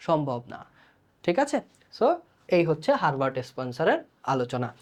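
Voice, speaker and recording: A man with a Bangladeshi Bengali accent giving a recorded exam-prep sociology lecture, talking colloquially and answering his own quiz questions. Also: fairly high pitch. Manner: colloquial, poses questions then answers them himself. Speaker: sociology tutor.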